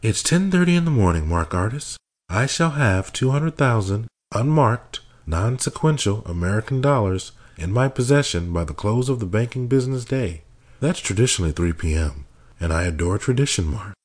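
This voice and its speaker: A man's voice: lowish voice, expressive, normal speed, voice pushed up. A man voicing a taunting female kidnapper with a Brooklyn accent, speaking with cold contempt.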